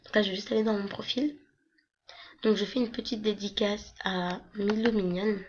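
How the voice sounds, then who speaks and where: Young woman, hoarse voice, casual rambling vlogger, muffled home computer mic with faint noise. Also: mid-range voice, fairly even intonation, moderate pace. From France. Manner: chatty, rambling with many fillers. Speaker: gaming vlogger. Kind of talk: casual screen-recording walkthrough.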